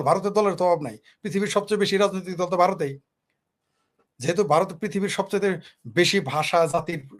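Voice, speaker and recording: Guy on a political talk show, high voice, keeps hammering rhetorical questions. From Bangladesh. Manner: emphatic, fires rhetorical questions. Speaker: political commentator.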